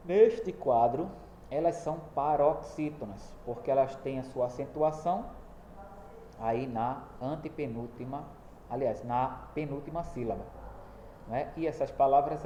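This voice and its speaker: A man's voice: fairly high pitch, dark tone. Man teaching a lesson in an echoey room. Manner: explanatory, repeating points with tag questions. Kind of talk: recorded classroom lesson. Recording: echoey room with faint background noise.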